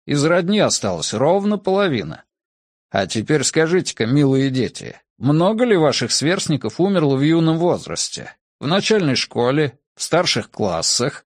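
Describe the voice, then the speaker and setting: A man's voice: on the high side, sing-song, normal speed, dry recording, clean studio sound. A man voicing an elderly, nostalgic family father who lectures his children emphatically. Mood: earnest.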